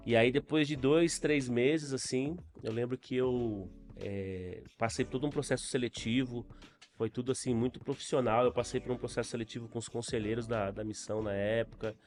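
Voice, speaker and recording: A man's voice: medium pitch, fairly even intonation, moderate pace, a little mellow, soft background music. Earnest Brazilian man telling his story. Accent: Brazilian Portuguese. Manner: earnest, storytelling with frequent fillers. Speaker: podcast guest. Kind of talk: casual testimony.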